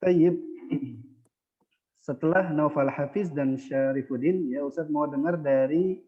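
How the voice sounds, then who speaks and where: Male online teacher, higher voice, patient, echoey and muffled sound. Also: slow pace. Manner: patient, adds "ya" after most phrases. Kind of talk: online Arabic lesson.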